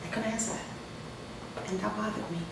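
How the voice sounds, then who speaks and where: A woman talks in an earnest, emphatic way and lets some humor slip in. Her voice sits in a middling register. It comes through a distant mic in a very echoey room, with clear background noise under it. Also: mid-range voice, steady tone, moderate pace. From Ghana. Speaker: charity founder and cancer survivor. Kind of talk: live radio interview.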